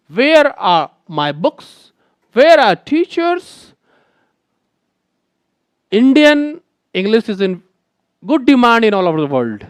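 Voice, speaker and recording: A male teacher takes his time over each word, repeating terms for drilling. His voice is smooth and clean, recorded dry with no room sound. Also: very high-pitched, dry recording. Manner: explanatory, repeats words slowly for drilling. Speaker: English pronunciation teacher. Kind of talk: video lesson to students.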